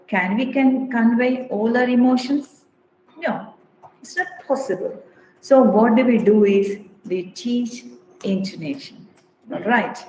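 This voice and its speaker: A woman's voice: mid-range voice, a little mellow, slight background noise. A woman with an Indian English accent gives an induction talk to new college students, walking them through the course and posing rhetorical questions as she goes. Her voice rings out with a long, roomy reverb. Faint ambience hums underneath. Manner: explanatory, repeats points, asks rhetorical questions. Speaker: college English skills instructor.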